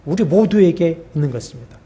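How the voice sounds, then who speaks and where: A man preaching a sermon as a pastor, in measured phrases with pauses and fillers, his voice dropping at the ends of phrases. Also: on the high side, lively intonation, dark tone. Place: church sanctuary.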